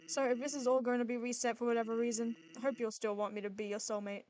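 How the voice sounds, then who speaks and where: A woman voicing a lazy, shy male skeleton monster, softly and haltingly confessing his love. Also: on the high side, flat delivery, natural voice, low-quality recording. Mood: tender, confessional. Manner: soft, hesitant confession.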